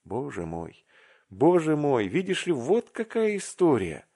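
Brief: a soft-hearted, faltering young man in love, as a male reader puts him on, confiding earnestly. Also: fairly high pitch, huge pitch swings, measured pace, husky, pitched above the performer's own voice, heavily acted. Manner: earnest, faltering, warm confessional. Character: young man, timid, tender-hearted, lovestruck. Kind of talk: audiobook reading.

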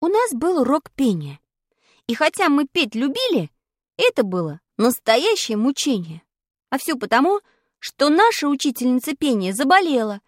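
A woman reads a children's story aloud as narrator, telling it expressively. Her voice sits high and swings widely in pitch. The recording is dry and close, with no room sound. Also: dry recording.

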